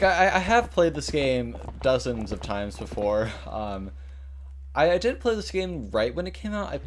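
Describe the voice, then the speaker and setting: A man's voice: fairly high pitch, slight background noise. A man hosting a let's play with casual, rambling, self-deprecating gameplay commentary. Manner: rambling, self-deprecating, halting when reading.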